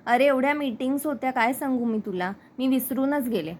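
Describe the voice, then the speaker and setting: A woman's voice: high-pitched, fairly quick, slight background noise, natural voice. A woman reading a scheming young wife. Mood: defensive. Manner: plain reading of quoted lines.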